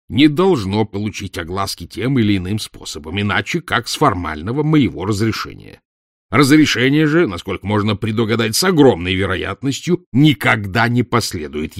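A man's voice: lowish voice, dry recording, clean studio sound. A man voicing a pompous, arrogant older male professor who talks down to his listener in a lecturing way. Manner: haughty, lecturing, condescending. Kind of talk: audiobook reading.

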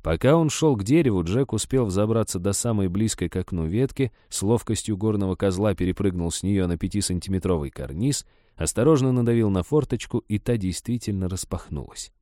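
Guy reading an audiobook, low mellow voice, dry close sound. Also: animated, a little fast, no room sound. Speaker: audiobook narrator. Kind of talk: scripted narration.

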